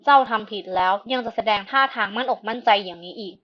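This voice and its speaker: A cold, proud prince, voiced by a woman reading the story, who interrogates slowly in an icy tone. He sounds a little lower than the narration, on a dull, lo-fi recording. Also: lightly acted. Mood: cold anger.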